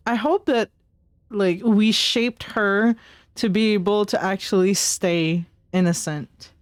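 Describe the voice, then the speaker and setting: A woman streamer giving chatty let's-play commentary, giggling and reacting out loud. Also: medium pitch, steady tone, slow pace, no echo. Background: faint lofi music.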